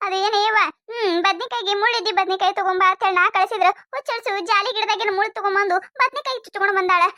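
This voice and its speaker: In a clean studio recording with no room sound, a voice actor uses a sharp tone to play an older village mother-in-law from a cartoon comedy. She has a North Karnataka accent and scolds and nags in a shrill way.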